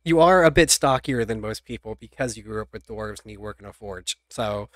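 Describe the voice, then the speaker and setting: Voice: mid-range voice, animated, brisk, dry recording, studio quality. A game master narrating a tabletop role-playing game in a casual chat, laughing often between lines. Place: home streaming setup.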